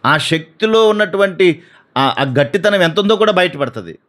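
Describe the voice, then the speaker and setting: A man preaching a sermon, animated, acting out voices and asking the congregation questions. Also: high voice, moderate pace, a little hiss or hum.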